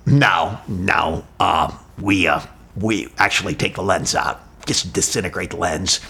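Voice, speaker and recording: A man's voice: low voice, measured pace, creaky, sharp tone, husky, voice pushed down, full character voice. A man voicing a casual male eye surgeon who reassures offhandedly and repeats himself. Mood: breezy.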